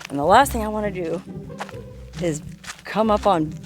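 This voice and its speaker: A woman's voice: mid-range voice, moderate pace, over music. A woman travel vlogger talking outdoors in a desert canyon, in a casual, playful and jokey way. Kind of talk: casual vlog narration.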